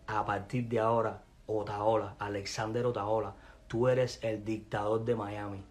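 Cuban man in a heated rant. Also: lowish voice. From Cuba. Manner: repetitive, heated, cursing, ranting. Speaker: musician. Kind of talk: angry rant to camera.

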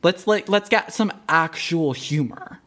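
A woman's voice: on the low side, lively intonation, measured pace, fairly bright tone. A young woman co-hosting a podcast, chatting casually with lots of fillers and swearing. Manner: many fillers, swears, laughs often. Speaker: podcast co-host. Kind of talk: casual chat.

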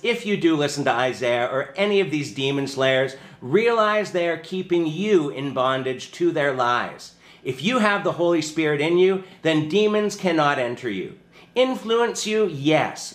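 A man's voice: fairly high pitch, lively intonation, unhurried. A man hosting with scripted religious commentary, speaking in an admonishing, declarative way.

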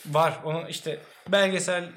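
A young man co-hosting a casual chat podcast, relaxed and explaining at length with fillers. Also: fairly high pitch, a little slow, slight background noise. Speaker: podcast co-host.

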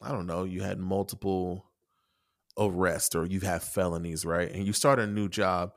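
This podcast co-host chats loosely about an article he wrote, rambling with plenty of restarts and offhand swearing. He speaks at normal speed in a low, level voice.

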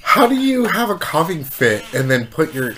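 A woman's voice: sits low, big pitch swings, fairly bright tone. A young woman co-hosting a casual chat podcast, reacting bluntly and swearing freely. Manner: reactive, blunt, quick to gasp and laugh. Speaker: podcast co-host.

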